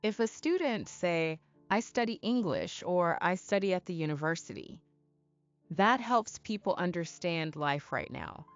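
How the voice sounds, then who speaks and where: A woman teaching English to beginners in a slow, clear, deliberate scripted style, asking learners to repeat after her. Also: fairly low pitch, expressive, no room sound, highs cut off, faint music behind. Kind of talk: slow scripted lesson narration.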